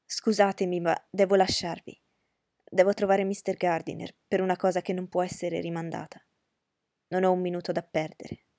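A woman's voice: on the low side, flat delivery, darkish tone, no echo, clean studio sound. A woman voicing an anxious young woman, urgent and shaken, in a storybook reading. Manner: hurried, pleading.

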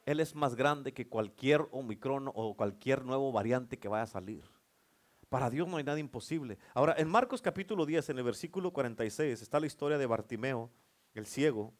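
A man preaching a sermon, building from calm Bible reading to fervent, shouted exhortation. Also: medium pitch, a little fast. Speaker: pastor.

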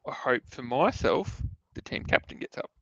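An Australian man co-hosting a podcast of casual sports betting chat, with a hesitant, halting delivery. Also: medium pitch, animated, gravelly, fairly bright tone, breathy edge, no room sound. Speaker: podcast co-host. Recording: dull, close dry sound.

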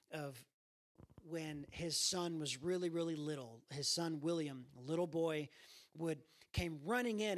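A man preaching a sermon in a church, earnest and repeating his phrases for emphasis. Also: fairly bright tone. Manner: earnest, repeats phrases, acts out quoted voices in a raised pitch. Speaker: pastor. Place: church sanctuary.

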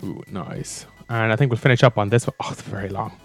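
Faint music plays behind a man with a fairly low voice and a quick pace. As a co-host of a casual chat, he rambles through reading and retelling stories, filling his speech with fillers, especially "like."

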